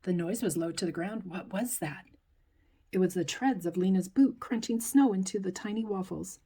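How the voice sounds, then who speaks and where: A woman reading a picture book aloud in an expressive way, whispering and playing up the sound words. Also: mid-range voice, slightly rough. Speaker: storybook reader.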